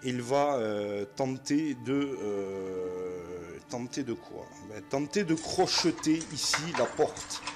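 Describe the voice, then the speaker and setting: Slow-talking southwest French man. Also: mid-range voice, expressive, soft background music. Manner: chatty, many fillers, addresses viewers as friends. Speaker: game narrator. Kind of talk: narrating a solo board game session.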